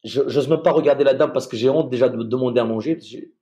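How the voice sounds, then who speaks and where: Man from Madagascar, podcast guest, halting speech, repeats words, dark mellow voice. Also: medium pitch. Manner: halting, repeats words, quotes others in dialogue. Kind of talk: emotional personal storytelling.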